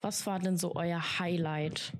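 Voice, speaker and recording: A young woman in her twenties co-hosts a relaxed podcast chat. Her voice sits low for a woman, and she talks in a friendly, slightly hesitant way. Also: unhurried. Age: 20s. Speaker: podcast co-host, apprentice. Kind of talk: casual chat.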